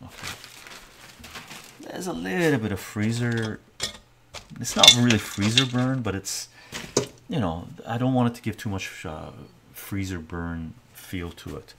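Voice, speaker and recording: An older man chats softly in his kitchen in front of a webcam, his low voice carrying a gravelly edge. He is a relaxed live streamer who answers viewers one by one and keeps checking in with "right?". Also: a little slow, pauses often, noisy background. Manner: relaxed, reads viewer comments aloud, often tags on "right?". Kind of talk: soft-spoken casual live-stream chat. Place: home kitchen, indoors. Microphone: webcam framing at the counter.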